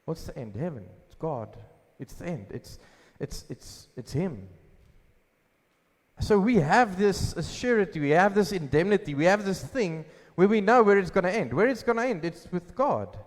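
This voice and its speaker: A pastor preaching a sermon at a pulpit microphone, asking questions and answering them himself with emphasis. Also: male voice, high-pitched, expressive, moderate pace. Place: church hall. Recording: long hall reverb.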